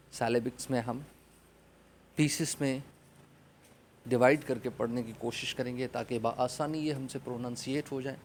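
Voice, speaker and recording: A man with a Pakistani accent teaching an online English class to children, saying each vocabulary word loudly and repeating it for them to copy. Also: mid-range voice, slight background noise. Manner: opens with an Arabic prayer, then explains in Urdu.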